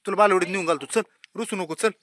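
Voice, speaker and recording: Man, bright tone, casual vlog, coaxing a child. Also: high voice, fast. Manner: scolding and coaxing a small child. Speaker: vlogger. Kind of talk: casual family vlog chatter.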